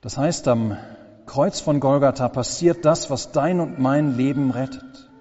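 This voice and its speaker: A man preaching a sermon as pastor, slow and solemn with dramatic pauses, in a church. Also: medium pitch, a little mellow. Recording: long church reverb, dull lo-fi sound.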